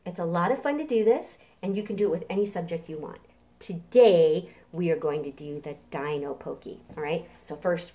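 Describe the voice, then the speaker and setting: Speaking in a lowish, mellow voice, a middle-aged woman acting as a children's librarian hosts a preschool storytime. She keeps her talk simple and encouraging for small children and their parents, recorded indoors in a home kitchen by a camera positioned a short distance away.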